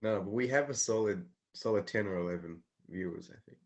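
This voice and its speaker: A man's voice: on the low side, brisk. A young man co-hosting a podcast, easygoing and laughing often in casual chat. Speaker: podcast co-host.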